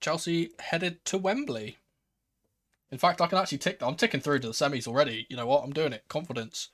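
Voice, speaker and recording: A man hosting a live football watchalong, calling the play in a casual, excitable fan's manner. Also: fairly high pitch, brisk. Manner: excitable, swearing, shifting from murmured play-by-play to raised exclamations. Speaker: host of a football watchalong stream. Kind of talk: live football commentary with casual fan reactions.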